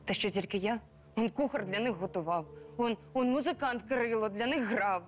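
An actress playing a talkative restaurant waitress in a docudrama, gossipy and quick to defend herself. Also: female voice, on the high side, lightly acted. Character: chatty, defensive waitress eager to point fingers. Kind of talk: docudrama reenactment.

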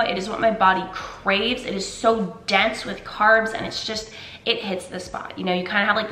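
Bright-voiced young woman in an echoey room. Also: medium pitch, gravelly. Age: young adult. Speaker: running vlogger. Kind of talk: casual vlog chat to camera. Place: open living room indoors. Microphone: camera a short way off.

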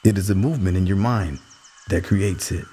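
A man voicing a wise, calm old uncle who gives fatherly advice in a slow, measured way. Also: low voice, slight background noise, natural voice.

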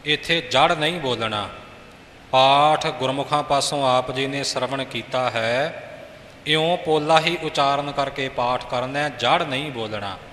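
A man teaching scripture pronunciation, slow and deliberate, half-singing example lines. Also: mid-range voice, fairly bright tone. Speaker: recitation teacher. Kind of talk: pronunciation instruction. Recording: echoey room with faint noise.

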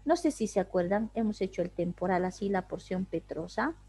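A woman's voice: mid-range voice, animated, brisk, warm tone, slightly rough. A woman teaching anatomy in an online class, explaining step by step and asking rhetorical questions she answers herself. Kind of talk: online lecture. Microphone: video call.

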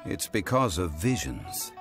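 A man voicing an ancient god living as a calm, dignified mortal, speaking in measured, formal sentences. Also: low-pitched, creaky, over music, full character voice. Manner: measured, formal, stately speech. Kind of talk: video game voice acting.

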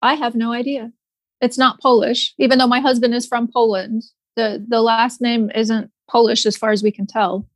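Brief: female interview guest, fairly high voice, easygoing, dry close sound. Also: level tone, moderate pace, no room sound. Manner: easygoing, thinking aloud. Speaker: guest artist. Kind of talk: casual interview conversation.

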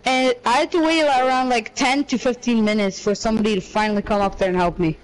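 A man's voice: high voice, steady tone, quick pace, smooth, rough recording. A young man co-hosting a casual podcast, telling a rambling, slangy story full of profanity. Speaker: podcast co-host. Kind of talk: casual chat.

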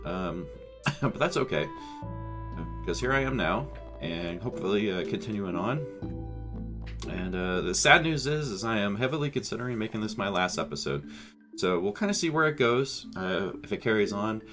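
Here a man in his thirties speaks at a moderate pace in a lowish voice, sounding stuffed up from a cold. He runs a gaming channel and offers easygoing, meandering let's-play commentary as he plays a farming game, thinking aloud on a headset mic with game music in the background.

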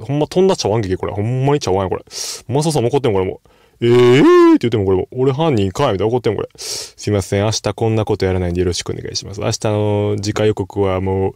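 A man's voice: fairly low pitch, dark tone, dry recording, studio quality. A man with a Kansai accent, hosting casual horse-racing betting commentary in a rambling, self-deprecating way. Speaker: host.

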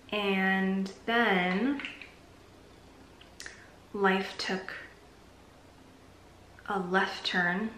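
Speaking into a camera mic at arm's length, a woman vlogs from her bedroom, where the room echoes and a faint hiss lingers. At a medium pitch, she's chatty and reflective in this casual confessional, at times slipping into gentle near-whispers.

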